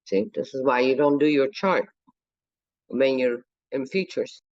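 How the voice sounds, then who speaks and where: A man's voice: mid-range voice, unhurried, darkish tone, no room sound. A man emphatically explaining a trade to others in a casual group voice chat. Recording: dull lo-fi online call audio.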